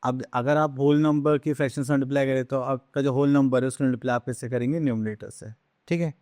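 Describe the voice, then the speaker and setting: A man teaching a math lesson on fractions, asking questions and answering them himself, slipping into English terms and reading numbers out slowly. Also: medium pitch, fairly even intonation, a little mellow, no room sound, studio quality. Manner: drawn-out slow reading of numbers.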